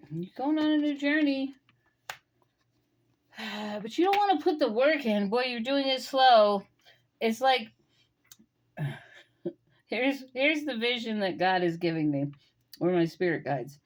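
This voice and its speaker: A woman with a somewhat high voice gives a tarot reading. She muses aloud, speaks straight to the listener and fills pauses with soft fillers. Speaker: tarot reader.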